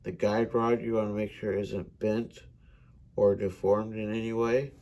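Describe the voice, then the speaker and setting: An American man, a gunsmithing student, giving an unhurried instructional demonstration with frequent hesitations. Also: lowish voice, little pitch movement, warm tone.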